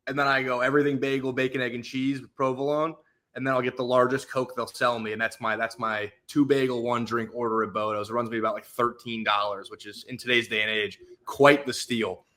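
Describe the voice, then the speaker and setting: A man's voice: medium pitch, level tone, brisk, bright, forceful tone. A man guesting on a sports podcast, chatting casually in an easygoing, wry way.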